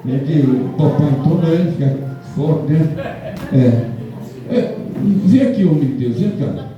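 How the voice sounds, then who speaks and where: A man's voice: fairly high pitch, expressive, slow, dull audio, crowd noise. A man with a Brazilian Portuguese accent, a pastor chatting and joking with his congregation in a church hall. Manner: jokey, chatty, laughs often. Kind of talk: casual church talk. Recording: echoey hall, mic from far off.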